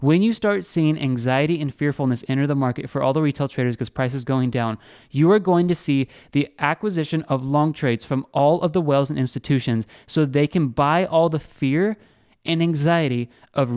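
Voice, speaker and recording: Young guy hyping up crypto trades to his viewers, slightly high voice, super clear. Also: no echo, studio quality. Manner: fast, excitable, talks straight to viewers as guys. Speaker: crypto trading channel host. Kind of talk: screen-share market commentary.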